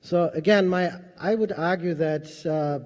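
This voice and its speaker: A man's voice: a little high, measured pace, a little mellow. A man speaking as a panelist at a conference, arguing earnestly and stacking figures, with frequent restarts. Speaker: panelist, head of global programs of a development partnership. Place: large conference hall. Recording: long reverb of a conference hall.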